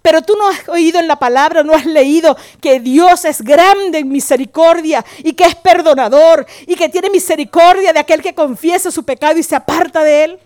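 A woman preaching a sermon to her congregation, telling personal stories, swinging from loud emphatic lines to slow, soft murmurs. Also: very high voice, dry recording, studio quality. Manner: storytelling, acts out quoted voices.

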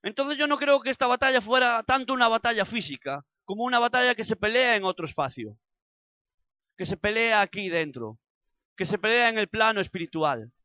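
High-voiced bright man preaching a sermon. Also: animated, brisk, dry recording, muffled recording. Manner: dramatizes scripture with sound effects.

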